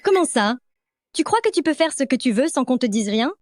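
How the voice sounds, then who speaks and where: A woman's voice: animated, brisk. A woman dubbing an arrogant young female schemer who pretends to be the boss's wife, in a contemptuous manner. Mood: scornful. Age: young adult. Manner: contemptuous, shrill. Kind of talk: French drama dubbing.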